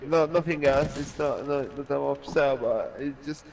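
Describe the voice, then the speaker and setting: A man's voice: mid-range voice, normal speed, gravelly, a little mellow. Rambling Hungarian-accented man, slightly distant. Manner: rambling, many restarts and fillers. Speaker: podcast co-host. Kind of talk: casual chat.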